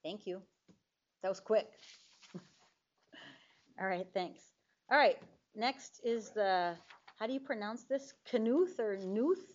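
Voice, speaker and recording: A woman's voice: mid-range voice, slow pace, long pauses. A woman chairing a public board meeting, moving through agenda items in an informal, friendly and slightly hesitant way. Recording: muffled meeting recording.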